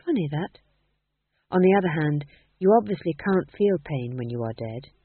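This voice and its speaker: A man's voice: fairly high pitch, expressive, moderate pace, breathy edge. A man voicing a meek, loyal court fool who speaks plainly and simply, in a resigned manner. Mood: quiet. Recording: tinny, dry, phone-like.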